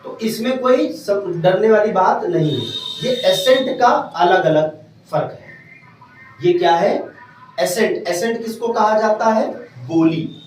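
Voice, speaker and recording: In a fairly high, expressive voice, a male teacher delivers a classroom grammar lecture, often pausing to ask if the class is following and keeping a close check on their understanding. The sound is very echoey and distant, as if the mic were across the room, with slight background noise.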